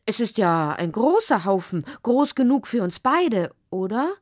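A woman voicing a cheeky male hedgehog in a storybook, mocking and snappish with lively swings in pitch. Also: measured pace, dry recording, studio quality. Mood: friendly.

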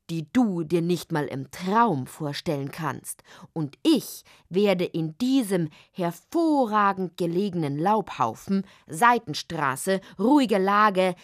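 Woman as cranky little male critter, indignant, slow and dry. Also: lowish voice, expressive, no echo. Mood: angry. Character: grumpy indignant male mole-like creature.

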